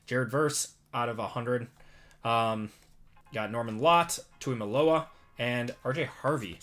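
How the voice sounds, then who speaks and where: Speaking slowly at a medium pitch, this Wisconsin host in his thirties has a Midwestern accent and soft music playing behind him. He runs a live card break, calling out each card and replying to chat in an easygoing, talkative way.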